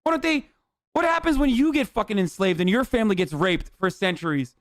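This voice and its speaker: A man's voice: sits high, animated, brisk, dry recording, studio quality. A male livestream host on a heated, profane rant, talking angrily and with heavy emphasis.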